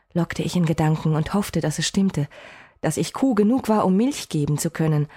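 A woman narrating a first-person fantasy audiobook, expressive with dry, wry asides. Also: on the low side, husky.

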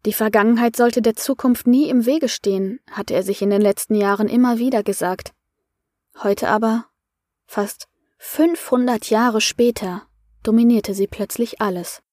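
A woman narrating an audiobook in a steady, even way. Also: a little high, moderate pace, no room sound, clean studio sound.

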